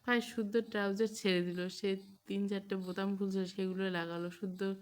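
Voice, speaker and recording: A woman narrating a romance novel as an audio story in a steady, even manner. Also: mid-range voice, fairly quick.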